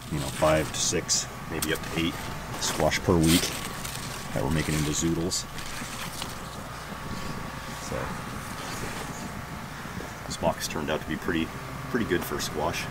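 Man, very low voice, relaxed rambling garden tour, handheld camera outdoors, clear background noise. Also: normal speed, long pauses. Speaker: homesteading vlogger. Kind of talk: casual garden walkthrough. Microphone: camera held at arm's length.

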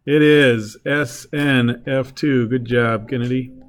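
A man with a medium-pitched, steady voice teaches a chemistry class slowly, working a problem through step by step. He asks the students questions along the way in this classroom lecture.

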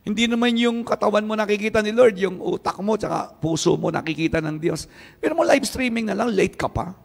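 A Filipino pastor preaches with a high, gravelly voice, teasing his listeners and swinging between Tagalog and English. The sound carries a long hall reverb around him. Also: a little fast. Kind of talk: sermon. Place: church hall.

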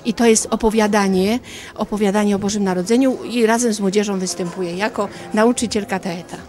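A woman's voice: mid-range voice, fairly even intonation, brisk, darkish tone, a little hiss or hum. A woman teacher answering interview questions in a plain, hesitant way.

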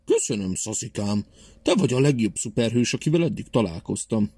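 A man voicing a kindly old male watchmaker with a deep, friendly voice in a children's story. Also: animated, breathy edge, no room sound. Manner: friendly, gentle.

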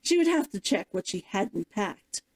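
A woman's voice: mid-range voice, sing-song, normal speed, a little mellow, husky. A woman narrating a novel like an audiobook, reading expressively and dramatically as a streamer. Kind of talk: scripted storybook narration, audiobook-like.

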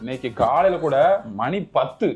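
A man's voice: mid-range voice, lively intonation, moderate pace, highs cut off, faint music behind. A man vlogger in playful role-swap banter with his partner, whining and complaining. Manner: whiny, complaining. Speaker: couple vlogger.

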